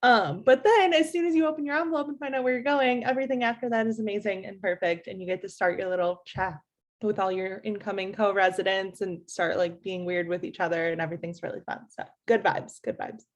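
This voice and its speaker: A young woman in her twenties from the Chicago suburbs, a panelist telling stories in an animated, laughing way. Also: mid-range voice, fast talker. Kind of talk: casual chat.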